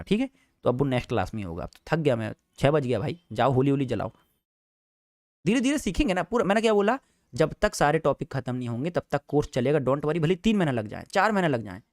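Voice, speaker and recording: A man's voice: medium pitch, dry recording, studio quality. A man teaching a live trading class in a chatty, teasing way, repeating each point. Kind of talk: casual live class lecture.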